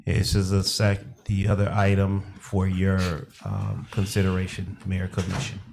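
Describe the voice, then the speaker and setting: Deep, flat-voiced city manager. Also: male voice, a little slow, slight background noise. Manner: formal, reads legal text. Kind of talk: reading a formal agenda item.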